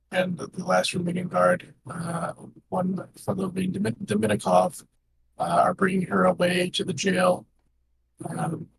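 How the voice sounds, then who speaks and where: Slow, gravelly-voiced man running the game. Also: high voice, low-quality recording. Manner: hesitant, many fillers and restarts. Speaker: game master. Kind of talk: narrating a tabletop game online.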